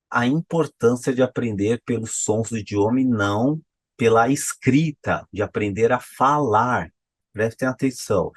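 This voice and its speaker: Brazilian teacher, male, mid-pitched voice, lively classroom explaining, repeats examples aloud, no room echo. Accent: Brazilian Portuguese. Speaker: English pronunciation teacher.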